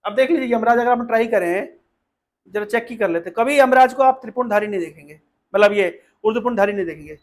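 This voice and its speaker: A man giving a devotional talk who explains scripture, asks the audience questions, chants slowly and reads translations. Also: sits high, lively intonation. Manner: explanatory, asks the audience questions and leads call-and-response recitation. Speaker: preacher.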